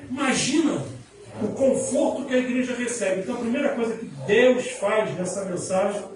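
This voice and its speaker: A man's voice: very high-pitched, moderate pace, music in the background. A man in his thirties with a Rio de Janeiro accent, preaching a sermon in a casual storytelling way with slang. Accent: Rio de Janeiro Portuguese. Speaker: pastor. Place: church service. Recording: very echoey church, mic at a distance.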